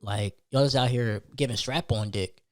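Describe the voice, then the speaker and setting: At normal speed and in a mid-range voice, a man hosting a podcast shares a personal story as an informal, slang-heavy rant. His delivery is emphatic, built on repetition and rhetorical questions.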